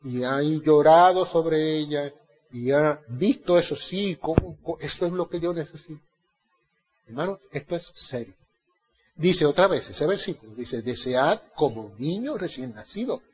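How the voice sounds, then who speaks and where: A man preaching a Bible study sermon. He questions the congregation and answers himself, and his voice swings from loud emphasis to soft, low asides. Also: animated, measured pace, in a large hall. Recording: slightly muffled lo-fi recording.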